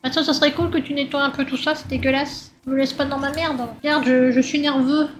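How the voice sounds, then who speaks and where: A woman's voice: high voice, level tone, brisk, a little hiss or hum. A woman doing casual gameplay commentary, speaking as her baby character in a whiny, crude way and swearing a lot. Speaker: let's play gamer.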